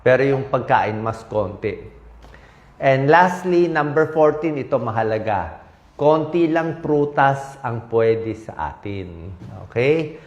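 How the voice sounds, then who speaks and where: A man's voice: mid-range voice, animated, slow, lo-fi sound. A man with a Filipino accent giving casual health advice as a doctor, talking conversationally and often checking in with his listeners. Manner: conversational, frequent "okay?" and "di ba?" check-ins. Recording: roomy echo.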